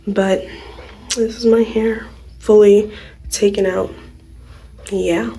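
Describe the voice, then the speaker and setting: A woman's voice: medium pitch, fairly even intonation, slow pace, dark tone, breathy edge. A teenage girl chatting casually to her viewers in a home vlog, giggly and tired, with a sore throat. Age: teens. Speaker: vlogger.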